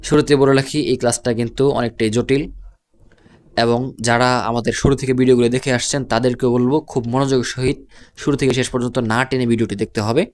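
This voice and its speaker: A man with a Bangladeshi Bengali accent teaching Quran reading in an online lesson, spelling out letters and vowel marks and then sounding out each word, repeating every point slowly. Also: mid-range voice, little pitch movement.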